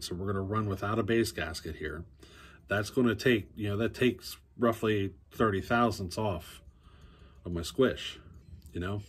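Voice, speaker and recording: This casual how-to features a man in his forties showing chainsaw work in his basement workshop. Talking easygoingly to a phone camera held close, he thinks aloud, full of fillers and restarts, in a lowish, slightly rough voice.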